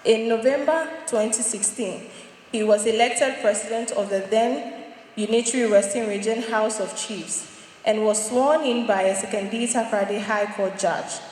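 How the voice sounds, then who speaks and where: A woman's voice: on the high side, steady tone, moderate pace, a little mellow, a little hiss or hum. A Ghanaian woman acting as master of ceremonies, steadily reading a prepared formal introduction. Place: large hall. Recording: echoey hall.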